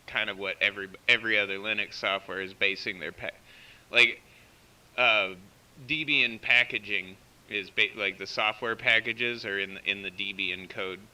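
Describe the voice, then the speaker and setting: An American CB radio operator on a live stream talks casually, taking listeners through tech details in order. His voice is lowish with a sharp tone, carried by a distant CB station feed.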